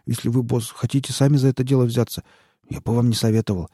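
A man's voice: mid-range voice, fairly even intonation, fast talker, mellow, no echo, studio quality, lightly acted. A man reading aloud and voicing a fawning, frightened male snitch who pleads and wheedles in folksy slang. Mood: wheedling.

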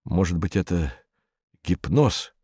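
Man doing a gruff, curt police inspector. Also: deep voice, lively intonation, slow pace, mellow, no echo, clean studio sound, pitched below the performer's own voice, full character voice. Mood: tense. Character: stern, tough male police inspector, middle-aged.

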